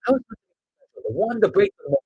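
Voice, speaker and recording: A man's voice: high voice, very animated, fairly quick, breathy edge, no room sound, lo-fi sound, voice pushed up, heavily acted. A man voicing an envious, resentful rival who speaks in a spiteful, accusing way. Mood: bitter, accusing.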